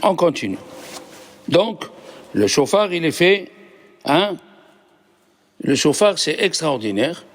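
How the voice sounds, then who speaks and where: A man's voice: a little high, very animated, slow pace, long pauses. A man, a rabbi, teaching a Torah class, asking the class questions and explaining patiently. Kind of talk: lively Torah lesson.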